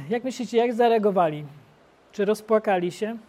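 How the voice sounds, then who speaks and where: A man preaching a sermon in an animated, storytelling way. His voice jumps from loud, excited bursts to low, quiet asides as he paints the scene for the congregation. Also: normal speed.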